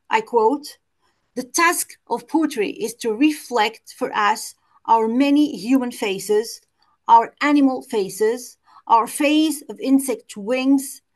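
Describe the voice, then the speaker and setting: A conference presenter reads her prepared academic paper on a video call from a home or office, in a rough recording. Slightly high-voiced, she reads with care and measure, now and then hesitating and restarting a word.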